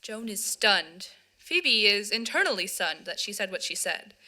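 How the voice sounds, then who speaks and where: A woman's voice: mid-range voice, very animated, unhurried, bright, forceful tone. A woman reading the stage directions of a play as scripted narration.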